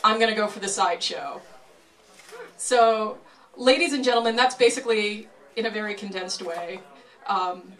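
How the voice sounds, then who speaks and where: Female sideshow sword swallower, live stage act. Wry, self-deprecating comic delivery, mid-pitched voice, showy announcer pauses. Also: a bit bright. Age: 30s or older. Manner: showman-like announcing with dramatic pauses. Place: live stage show before an audience.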